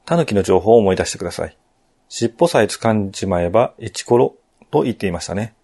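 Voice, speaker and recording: A man's voice: fairly low pitch, animated, brisk, mellow. Polite man narrating a game walkthrough. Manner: polite, explanatory, with asides.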